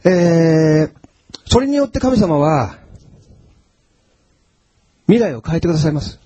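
A man preaching a sermon as a pastor, telling Bible stories in an animated way and acting out the quotes. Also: on the high side, unhurried.

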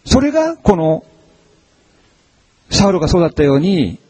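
Husky-voiced man preaching with animated pitch. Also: moderate pace, no room sound. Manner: conversational, animated preaching with frequent fillers. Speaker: pastor. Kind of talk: sermon.

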